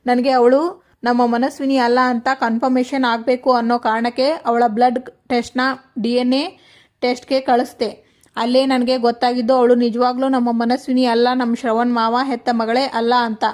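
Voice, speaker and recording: A woman with a Kannada accent reading the lines of a stern young man explaining an investigation, in an even way. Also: a little high, moderate pace, natural voice.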